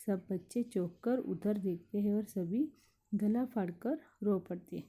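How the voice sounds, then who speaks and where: A woman's voice: medium pitch, unhurried, mellow, slightly rough. A woman school teacher explaining a Hindi play to her class, reading lines aloud and then retelling them in plain words.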